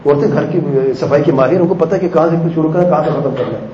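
Man preaching, chatty, acts out little family scenes, bit high and mellow, echoey dull sound. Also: a little hiss or hum. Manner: conversational, acting out family dialogues with rhetorical questions. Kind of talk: sermon on parenting.

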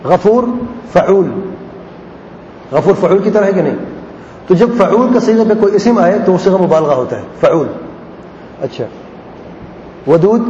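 A man teaching Arabic grammar in a classroom lesson. He repeats word patterns patiently and asks questions that he then answers himself. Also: dark tone. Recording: echoey hall, dull lo-fi sound, faint rumble.

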